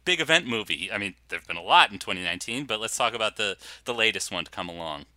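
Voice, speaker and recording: A man's voice: on the low side, expressive, quick pace, pushed and bright, a little hiss or hum. A man co-hosting a podcast in casual chat, dry joking asides and easy laughs. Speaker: podcast co-host.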